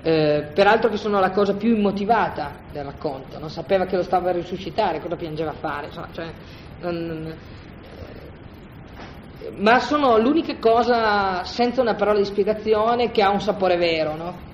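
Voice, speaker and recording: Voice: mid-range voice, normal speed, slight background noise. A Bible study teacher giving an informal, colloquial lecture on scripture to a group, often checking in with "no?". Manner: conversational, keeps asking "no?" to check in with listeners; colloquial, animated explaining with restarts. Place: room with a group of listeners. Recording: roomy, dull lo-fi recording with faint ambience.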